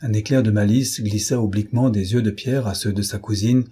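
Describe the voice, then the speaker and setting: A man reading a classic novel aloud in steady, measured audiobook narration. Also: lowish voice, breathy edge. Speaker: audiobook reader. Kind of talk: scripted narration.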